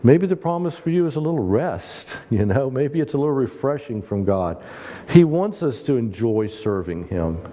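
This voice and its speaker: A man's voice: mid-range voice, moderate pace. A man preaching a sermon as a guest speaker, in a casual, conversational way with frequent chuckles. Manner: conversational, chuckling, animated when quoting Peter. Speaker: guest pastor. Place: church sanctuary. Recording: long reverb in a church hall.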